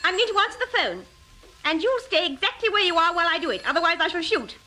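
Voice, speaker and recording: An actress playing a haughty, menacing villainess in a radio thriller, sharp and melodramatic, turning panicky when cornered. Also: female voice, extremely high pitch, sing-song, fast, faint music behind, full character voice. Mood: threatening. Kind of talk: scripted radio thriller acting.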